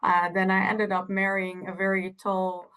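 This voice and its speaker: A woman from the Netherlands speaking as a panelist over a video call. Her voice sits at an ordinary middle pitch. She talks in an open, personal way with a few hesitations. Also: monotone, moderate pace, a bit bright, smooth, rough recording. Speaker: panelist, researcher. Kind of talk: personal spoken reflection.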